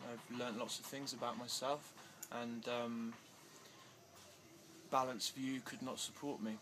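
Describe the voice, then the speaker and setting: Outdoors in India against a noisy background, a man gives casual interview answers. His voice is medium-pitched, level, a little slow, pushed and bright. He's hesitant, with many fillers and restarts, and grows agitated.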